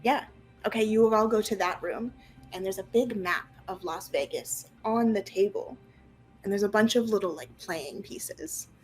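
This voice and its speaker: A woman's voice: mid-range voice, moderate pace, low-quality recording. Woman game master improvising over faint music. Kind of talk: narrating an online tabletop roleplaying game. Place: room at home, on a group video call.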